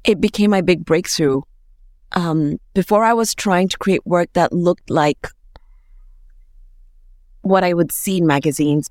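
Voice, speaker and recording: A woman's voice: low voice, a little mellow, no echo, studio quality. A woman with a Kenyan accent speaking reflectively and expressively as an interview guest.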